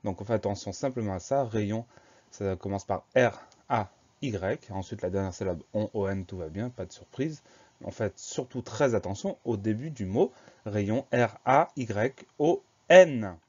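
A man's voice: fairly low pitch, moderate pace, darkish tone, husky, muffled recording. A man teaching a spelling lesson, patiently explaining words and spelling them out letter by letter.

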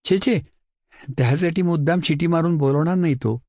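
Brief: man voicing a bright mischievous schoolboy, lively and high. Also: moderate pace, no room sound, clean studio sound, close to an everyday voice. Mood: pleading, eager. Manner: bright, pleading, chatty. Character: mischievous helpful schoolboy, eager and quick-witted.

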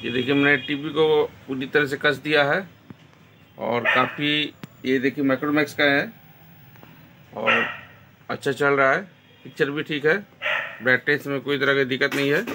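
Gravelly Bihari man explaining a TV repair. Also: mid-range voice, fairly even intonation, normal speed, pauses often, pushed and bright, slight background noise. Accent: Bihari Hindi. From India. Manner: plain, step-by-step explaining, addresses viewers as friends. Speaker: TV repair technician. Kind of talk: repair tutorial narration.

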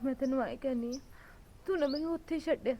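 A woman's voice: sits high, fast talker, mellow, a little hiss or hum. A woman with a Punjabi accent playing a young wife beaten by her in-laws, complaining and pleading to her aunt.

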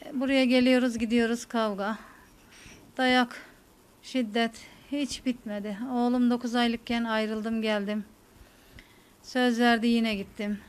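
A woman in her thirties from Turkey, giving a shaken, fearful testimony to a news camera in halting, repeating phrases. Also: a little high, level tone, clean tone. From Hatay, Turkey. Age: 30s. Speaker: interviewee.

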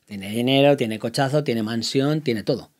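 A man's voice: medium pitch, moderate pace. A man hosting a casual interview, chatting along with short agreeing remarks. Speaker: interview host.

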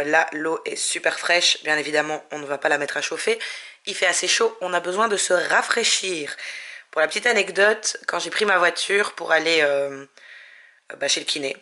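Female book vlogger, hesitant casual chat, bright tone. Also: low-pitched, normal speed. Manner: hesitant, many fillers and restarts. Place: at home.

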